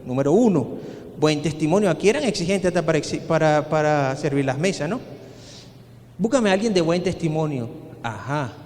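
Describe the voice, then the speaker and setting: A man's voice: high voice, a little mellow. A male pastor giving an earnest sermon full of rhetorical questions. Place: church hall. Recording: long hall reverb.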